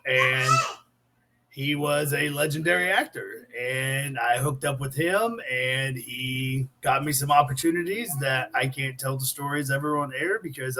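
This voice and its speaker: A man's voice: fairly high pitch, pushed and bright. A man guesting on an interview show, telling blunt, brash stories about his acting work and laughing as he goes. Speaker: actor guest. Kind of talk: casual interview storytelling.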